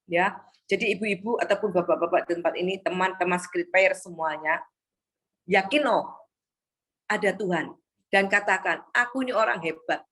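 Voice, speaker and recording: A woman's voice: fairly low pitch, normal speed, long pauses, fairly bright tone. A woman preaching an exhorting sermon to a congregation on a video call, often calling the listeners "Saudara".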